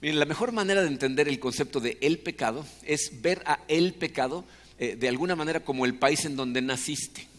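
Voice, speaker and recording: A Mexican pastor with a Mexican Spanish accent preaches a sermon conversationally, often checking in with his congregation. His voice is on the high side, a little fast and a bit bright, echoing through a large church hall.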